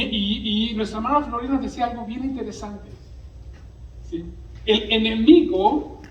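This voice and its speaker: This is a lo-fi, distant, echoey recording from a church sanctuary, carrying a bit of hiss or hum. A man whose voice sits high delivers a sermon, often firing questions at the congregation as call-and-response asides.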